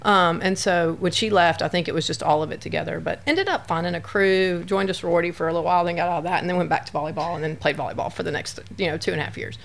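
A woman's voice: fairly low pitch, fast talker, gravelly, hardly any pauses. A woman from West Texas, a podcast guest, telling her life story in a chatty, casual way with many fillers.

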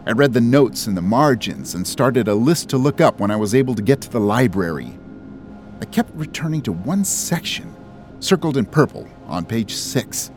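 A young man narrating a first-person story in a measured, introspective way. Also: medium pitch, very animated, a little mellow. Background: music.

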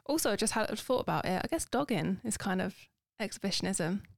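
A woman's voice: mid-range voice, lively intonation, quick pace, vocal fry, dry recording, clean studio sound. A woman co-hosting a podcast, explaining things in a matter-of-fact way and laughing easily. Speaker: podcast co-host. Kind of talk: casual chat.

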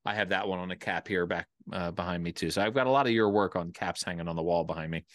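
Low-voiced American man interviewing casually. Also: quick pace, dry recording.

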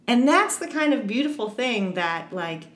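A woman appears as a guest in a casual interview about her eating disorder advocacy work, earnest and encouraging and often restarting her sentences. Her voice is on the high side and very animated, at a moderate pace, with a roomy sound.

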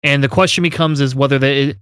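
A man's voice: mid-range voice, fairly even intonation, fairly quick, fairly bright tone, smooth, no echo, studio quality. Incredulous man on a game podcast. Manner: incredulous, emphatic, laughs often. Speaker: podcast co-host. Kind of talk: casual tabletop game discussion.

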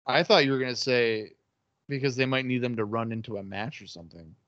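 On a podcast, a male co-host watching wrestling gives joking play-by-play in casual chat, swearing freely. His medium-pitched voice is brisk and fairly bright, and the recording is dull, lo-fi and dry.

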